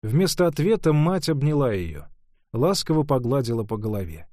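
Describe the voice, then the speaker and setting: A man calmly reading a novel aloud as an audiobook narrator. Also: medium pitch, normal speed, no echo, clean studio sound. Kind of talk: scripted narration.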